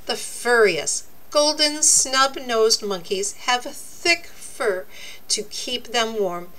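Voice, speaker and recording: A woman with a fairly high voice reads a children's nonfiction book aloud, slowly, brightly, and with animation. Her delivery is deliberate and expressive, like a teacher's. She is indoors with the book open in front of a camera, and the recording quality is low.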